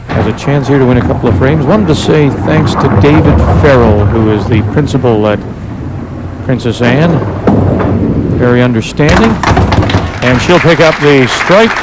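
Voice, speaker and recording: A man hosting and calling a bowling match in a play-by-play style. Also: mid-range voice. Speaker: play-by-play sports host. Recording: noisy broadcast with loud crowd. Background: crowd and bowling alley noise.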